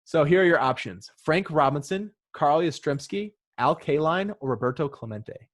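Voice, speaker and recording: A man's voice: fairly high pitch, animated, moderate pace. A man hosting a sports podcast, reading out trivia questions and options in casual chat with joking asides. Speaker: podcast host running a trivia quiz.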